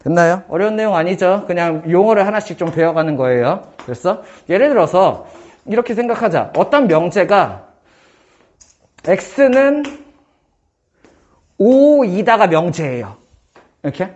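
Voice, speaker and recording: A man teaching math in a casual one-on-one lesson, firing quick questions at his student and joking. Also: high-pitched, lively intonation, muffled recording. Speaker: math tutor.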